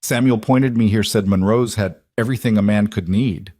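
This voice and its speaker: A man voicing a calm cowboy gunslinger who speaks quietly and matter-of-factly, without boasting. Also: lowish voice, normal speed, no echo, clean studio sound, natural voice. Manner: quiet, unboastful, matter-of-fact.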